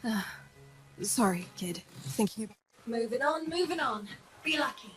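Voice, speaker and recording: A woman's voice: fairly high pitch, animated, normal speed, music in the background, close to an everyday voice, low-quality recording. An actress playing a tough, wisecracking woman squad leader in video game dialogue, brash and teasing with nicknames for everyone.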